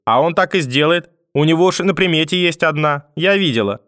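A man's voice: animated, fairly quick, a bit bright, dry recording, studio quality, close to an everyday voice. A man voicing a cruel, bitter old grandmother who curses and shrieks. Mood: spiteful. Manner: shrill, venomous, cursing.

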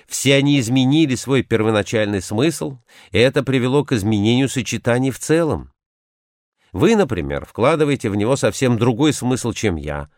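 A man tells the history of words in a measured, storytelling manner. His intonation moves lively up and down. The recording is dry and close. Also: mid-range voice, no echo. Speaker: language historian explaining word origins. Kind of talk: scripted educational narration.

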